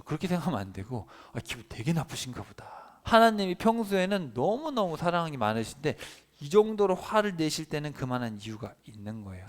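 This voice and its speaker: A pastor telling a Bible story to children, animated and often asking them questions. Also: male voice, a little high. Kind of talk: children's sermon. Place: church.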